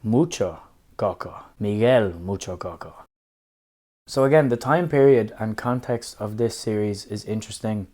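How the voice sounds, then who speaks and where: A man with a hoarse, smoky rasp from laryngitis gives a casual, animated book review as a vlogger. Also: medium pitch. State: hoarse, getting over laryngitis. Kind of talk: casual scripted-outline book review to camera.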